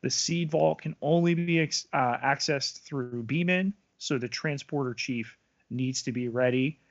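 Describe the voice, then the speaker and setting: A man co-hosts a podcast, recapping a TV episode at an unhurried pace with a measured, dry delivery and the odd playful aside. His voice sits in a middle range, and the audio is a little dull and lo-fi. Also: mid-range voice. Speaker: podcast co-host. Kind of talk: recapping an episode in casual chat.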